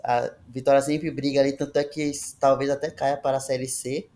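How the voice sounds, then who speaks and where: A man's voice: mid-range voice, level tone, fairly quick, mellow. A man with a Brazilian Portuguese accent hosting a football talk, chatting informally and with plenty of slang, as if among friends. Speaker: football podcast host. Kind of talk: casual chat among friends.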